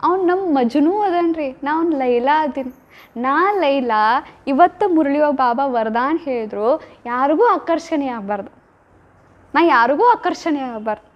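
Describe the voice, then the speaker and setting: A woman's voice: high voice, expressive, unhurried. A woman giving a devotional talk, retelling love stories with emotive, acted-out lines. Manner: emotive, acts out quoted lines. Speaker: spiritual speaker. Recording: dull lo-fi recording.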